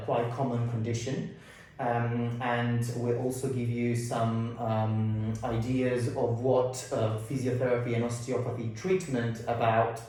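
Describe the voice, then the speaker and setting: A man explaining as a clinician in a halting, informal way, slightly muffled through a face mask. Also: mid-range voice, a little mellow. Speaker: consultant osteopath and physiotherapist. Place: indoor room at a clinic. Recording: very echoey room, distant mic.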